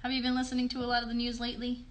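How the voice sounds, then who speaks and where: This woman in her thirties has a slightly high voice that stays monotone as she talks rapid-fire. Acting as a puppet show host, she chats casually with children, encouraging them with easy questions and praise. She's recorded by a phone a short distance away in a bedroom at home.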